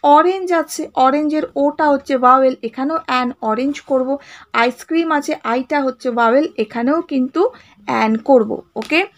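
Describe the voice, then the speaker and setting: High-voiced woman teaching grammar. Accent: Bengali. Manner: patient, checks understanding with frequent "right?" and "okay?"; reads example sentences slowly word by word. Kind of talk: grammar lesson explaining a worksheet.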